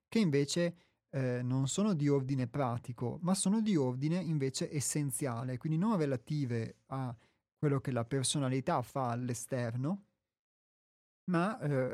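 Measured Italian man, mellow dry voice. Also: medium pitch, no room sound. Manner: measured, explanatory, with frequent restarts and fillers. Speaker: host reading and commenting a spiritual text. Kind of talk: reflective radio talk with reading.

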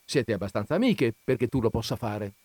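A man voicing a modest, patient clerk who gently reassures his wife in a read-aloud story. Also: medium pitch, lively intonation, a little fast, no echo, lightly acted. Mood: coaxing.

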